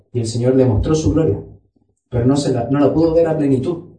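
A man's voice: mid-range voice, mellow. A man preaching a sermon as a pastor, teaching a Bible study and reading scripture aloud. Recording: echoey room, voice from far off.

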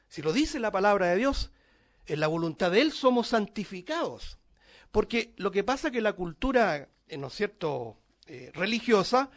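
A man preaching a sermon to his congregation, lifting his voice on key words and dropping to a hush at the ends of phrases. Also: high voice. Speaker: pastor.

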